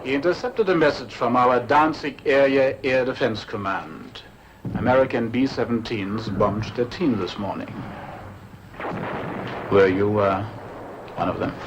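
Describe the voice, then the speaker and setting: An actor playing a formal, dryly courteous colonel. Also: male voice, medium pitch, measured pace, lightly acted. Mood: coolly polite. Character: stiff formal German Luftwaffe colonel, male, middle-aged. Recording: noisy TV drama soundtrack.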